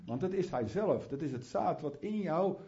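Male preacher, fervent and chatty, slightly high voice with a mellow tone, muffled lo-fi recording. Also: expressive, moderate pace. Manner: fervent, rising to prayerful fervor; chatty asides, restarts. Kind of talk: sermon. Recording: muffled lo-fi sound.

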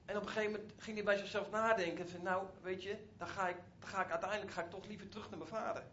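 A man with a high voice retells a Bible story in a relaxed, conversational way, often turning to his listeners directly. The recording is a bit dull, with a faint hiss behind him. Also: racing. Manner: conversational, with frequent asides to listeners.

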